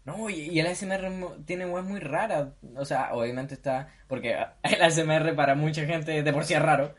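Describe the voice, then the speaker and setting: A man's voice: fairly high pitch, moderate pace. A young man with a Chilean accent hosting a casual podcast chat, slangy and often laughing as he talks over his co-hosts. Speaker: podcast host.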